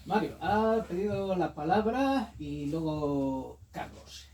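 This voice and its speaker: A man moderating a panel debate at a bookstore, briskly directing turns to speak. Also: on the high side, expressive, gravelly, a little mellow, recorded from a distance. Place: bookstore event.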